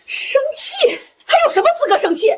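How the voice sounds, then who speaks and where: An actress playing a spiteful, domineering older mother-in-law who scolds loudly in a short drama. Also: extremely high pitch, sing-song, fairly quick, slight background noise. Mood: scolding. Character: bossy shrill mother-in-law, spiteful and loud.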